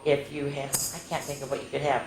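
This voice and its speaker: A very deep female voice with little pitch movement speaks a little fast as a senior woman hosts children's story time. She is chatty and instructive, regularly asking the kids questions, in an echoey room with faint noise.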